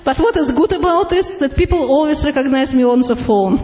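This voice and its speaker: A woman with a strong Russian accent demos devices to a live audience, pausing often on fillers and laughing readily. Her voice sits high. The recording is roomy and dull, like a lo-fi capture of a meeting room. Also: mellow. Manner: halting, many "uh" fillers, laughs easily. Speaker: product presenter. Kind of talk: live product demonstration to an audience.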